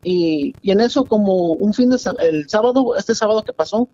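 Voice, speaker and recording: Man, high but mellow voice, rambling caller, muffled phone audio. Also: lively intonation, normal speed, slight background noise. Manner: rambling, confessional. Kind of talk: casual phone-in storytelling.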